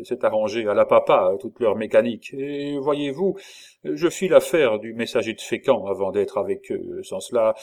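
A man voicing a swaggering convict innkeeper who talks like a salty old sailor, loud and boastful. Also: fairly low pitch, close to an everyday voice.

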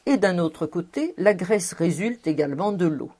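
A woman's voice: lowish voice, lively intonation, normal speed, dark tone, breathy edge. A woman reading the part of a pedantic male professor in a storybook, in a lecturing, matter-of-fact way.

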